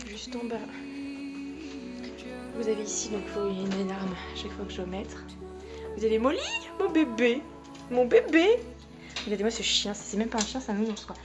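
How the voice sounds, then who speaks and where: A woman's voice: mid-range voice, steady tone, fast, long pauses, over music. A young woman chatting casually while giving a tour of her home, with plenty of fillers and asides. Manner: chatty, coos at her dog. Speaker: vlogger.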